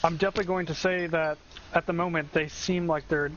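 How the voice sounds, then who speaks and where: A man commentating a game tournament in casual chat, talking quickly and eagerly and often restarting his sentences over an online voice chat mic. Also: a little high, steady tone, a bit bright. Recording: dull lo-fi voice chat with faint noise.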